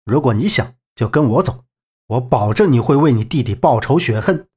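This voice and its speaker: Ruthless young swordsman, man voicing him, cold and scornful, pitched low, husky. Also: animated, normal speed, a little mellow. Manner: cold, contemptuous. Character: stern, ruthless young male sword hero.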